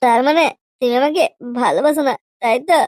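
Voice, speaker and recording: A woman's voice: sits high, a little fast, darkish tone, no room sound, close to an everyday voice. A woman voicing a crude, pushy young boyfriend in a comedy cartoon, using coarse slang and a wheedling, teasing manner. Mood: coaxing.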